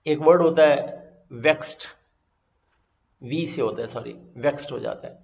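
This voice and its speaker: A man with an Indian accent teaching vocabulary over slides, mixing Hindi and English and slowly repeating his explanations. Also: medium pitch, creaky, darkish tone. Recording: echoey, slightly dull recording.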